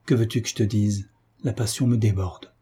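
A man's voice: on the low side, steady tone, moderate pace, warm tone, husky. A man voicing an anguished young nobleman in love in a read-aloud novel, speaking in impassioned despair.

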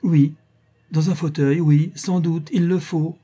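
A man's voice: mid-range voice, lively intonation, moderate pace, dark tone, husky, soft background music. A man voicing a teasing, flustered noble lady in a storybook reading, coaxing and scolding by turns.

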